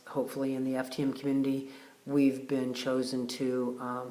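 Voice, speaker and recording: A man hosting a retreat, giving a casual, heartfelt video message with many pauses and fillers. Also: mid-range voice. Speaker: retreat host. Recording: roomy echo.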